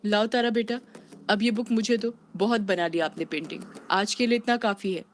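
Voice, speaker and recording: A woman's voice: medium pitch, steady tone, normal speed, slight background noise, close to an everyday voice. A woman voicing a mother of a young girl, affectionate with her daughter but firm when ignored. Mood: firm, annoyed.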